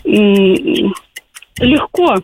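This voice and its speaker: Woman caller on speakerphone, far from the mic, slow hesitant one-word replies. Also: medium pitch, animated, darkish tone, slight background noise. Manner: answers in single hesitant words. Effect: heard over a phone speakerphone. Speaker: caller playing a radio quiz.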